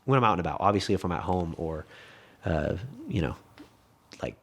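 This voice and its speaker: A young man with a slightly low voice and a faint lisp, chatting loosely as a podcast guest. He rambles, restarts his sentences and swears freely. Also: expressive, brisk, creaky. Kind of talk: casual conversation.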